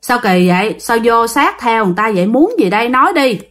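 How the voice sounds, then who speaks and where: A woman voicing a calm, firm middle-aged male exorcist who questions sternly. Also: a little high, fairly quick.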